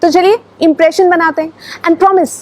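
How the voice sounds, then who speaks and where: A woman teaching English pronunciation, spelling words out letter by letter and repeating them slowly. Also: very high voice, fairly even intonation, darkish tone. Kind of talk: scripted pronunciation lesson.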